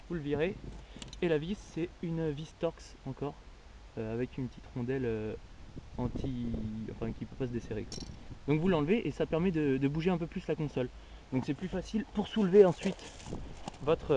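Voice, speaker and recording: A man's voice: fairly high pitch, warm tone, slight background noise, poor audio. Hesitant man giving a DIY car tutorial. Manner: hesitant, many fillers and restarts. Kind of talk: casual step-by-step how-to.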